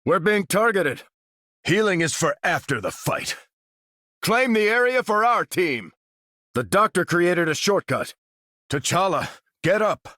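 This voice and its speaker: Stalwart, commanding American super-soldier hero, animated. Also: male voice, high-pitched, unhurried, pauses often, dry recording, clean studio sound, heavily acted. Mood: rallying, urgent. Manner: earnest, commanding, military phrasing. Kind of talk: video game character voice lines.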